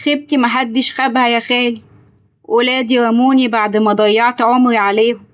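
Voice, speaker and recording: A woman's voice: on the high side, steady tone, brisk, highs cut off, close to an everyday voice. A woman voicing a sad, wounded aging mother with an Egyptian accent, in a told story. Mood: grieving. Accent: Egyptian Arabic. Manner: sorrowful, reproachful.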